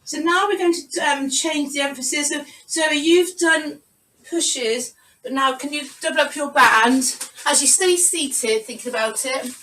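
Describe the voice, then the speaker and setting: High-voiced woman leading a Pilates class. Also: bright, forceful tone. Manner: encouraging, counts reps aloud. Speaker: Pilates instructor. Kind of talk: live online fitness class. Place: room at home, on a video call. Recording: roomy, distant video-call sound.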